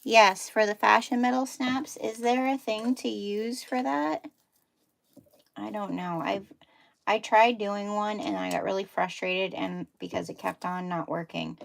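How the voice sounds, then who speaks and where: Demonstrating sewing at home on a livestream, a woman with a Dutchy accent chats casually and pokes fun at herself as she works. Her mid-range voice carries vocal fry, and her pace is measured.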